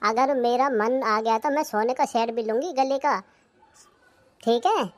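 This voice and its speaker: A woman voicing a demanding, sharp-tongued village wife in a cartoon comedy, with a bossy manner. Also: a little high, unhurried, slight background noise, lightly acted.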